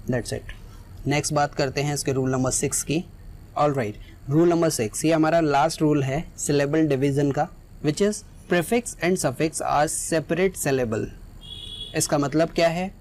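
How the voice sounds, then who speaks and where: A man's voice: on the high side, darkish tone, slight background noise. A man teaching an English lesson in Hindi, patiently repeating each example word. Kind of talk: explaining exam lesson.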